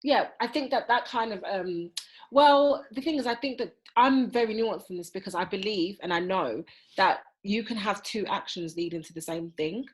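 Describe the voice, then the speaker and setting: A woman appearing as a podcast guest, speaking earnestly and weighing her views out loud. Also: medium pitch, moderate pace. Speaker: podcast guest, diversity specialist. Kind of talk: conversational podcast interview.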